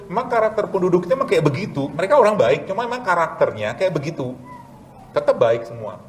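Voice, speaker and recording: A man, a doctor, giving a casual health lecture with a live demonstration, animated and joking, asking rhetorical questions and answering them himself. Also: on the high side, slight background noise, poor audio. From Indonesia. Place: event hall with audience.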